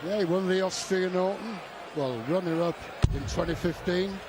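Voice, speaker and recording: A man's voice: high voice, normal speed. A man giving informal, easy-going live commentary as a darts co-commentator. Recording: loud arena noise behind.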